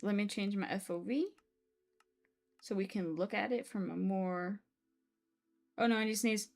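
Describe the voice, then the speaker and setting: A woman's voice: medium pitch, fairly even intonation, measured pace, creaky, a little mellow, faint music behind. A young woman live-streaming a building game, chatting casually with her viewers in a bubbly, exclamatory way. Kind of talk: casual live-stream chat while playing.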